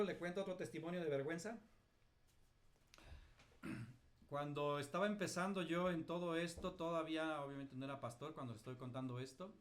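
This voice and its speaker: High-voiced Mexican pastor teaching. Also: male voice. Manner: colloquial, self-mocking storyteller. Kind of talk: lively teaching with personal anecdotes.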